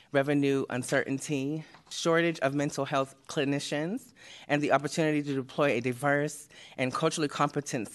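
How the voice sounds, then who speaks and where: A winded woman works her way through a committee presentation at a public meeting. She stumbles and restarts, filling the gaps with ums as she catches her breath. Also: a bass voice. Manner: breathless, halting with many fillers. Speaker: committee member. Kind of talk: reading a presentation.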